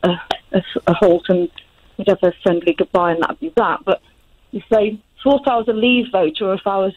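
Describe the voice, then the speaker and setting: A woman's voice: mid-range voice, fairly even intonation. Hesitant woman on a muffled phone line. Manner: hesitant, halting, with restarts mid-phrase. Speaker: radio phone-in caller. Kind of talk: personal account on a radio phone-in. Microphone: telephone.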